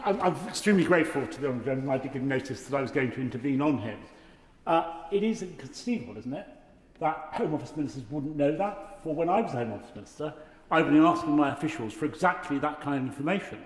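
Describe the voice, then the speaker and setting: Male MP, brisk parliament speech intervention, formal and emphatic, reverberant hall. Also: a little high, animated. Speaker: member of parliament, former minister. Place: large parliamentary debating chamber. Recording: echoey large chamber.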